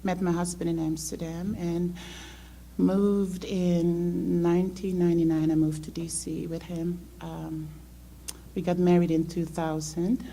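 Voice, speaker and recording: A middle-aged woman, born in South America and raised in the Netherlands, shares a personal testimony as a church member, hesitant and with many ums. Her fairly low voice is creaky and mellow, level in tone and a little slow. A faint hum runs in the background.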